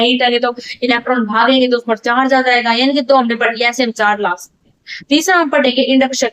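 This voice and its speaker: A woman teaching a physics lesson, who repeats key phrases and asks and answers her own questions. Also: a little high. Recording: dull lo-fi sound.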